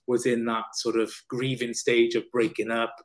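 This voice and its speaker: A man's voice: mid-range voice, flat delivery, normal speed. A man, a personal trainer and counsellor, speaking as a podcast guest and telling a personal story openly and emotionally, with casual swearing and many restarts. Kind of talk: candid conversational storytelling.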